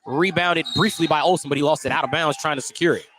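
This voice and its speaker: A man with a fairly high voice and a quick pace calls live radio play-by-play of a basketball game as the announcer in an indoor gymnasium. The broadcast is noisy, with gym sounds and bouncing basketballs in the background.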